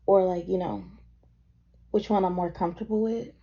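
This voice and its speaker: Here a worn-out woman of 21 does a loose, chatty get-ready-with-me vlog at her desk, swearing casually along the way. Her delivery is moderately paced and fairly even, mellow and slightly rough, pitched a bit lower than normal from tiredness. The camera audio is lo-fi and dull.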